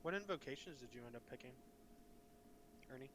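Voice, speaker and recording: A man sits at a tabletop game and tosses in jokes and rules tips. His pitch sits in the middle range. Faint noise runs behind him. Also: lively intonation, fairly quick. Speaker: player. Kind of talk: casual tabletop game talk.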